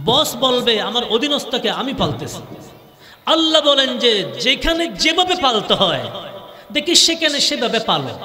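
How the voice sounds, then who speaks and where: A man's voice: high voice, pushed and bright. A man preaching a Bengali sermon, drawing the audience into call-and-response with rhythmic repeated phrases. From Bangladesh. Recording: echoey hall with long reverb.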